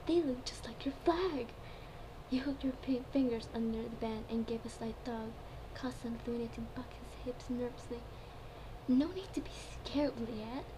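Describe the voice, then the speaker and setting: A woman giving an amateur dramatic reading of a story, now and then stumbling over her words and repeating phrases. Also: fairly high pitch. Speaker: fan fiction reader. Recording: clearly noisy home recording.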